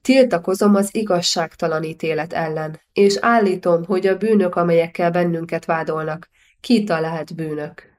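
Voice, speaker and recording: Lady reader doing a proud old grand master, loud and defiant, lowish voice. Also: lightly acted. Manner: loud, ringing protest.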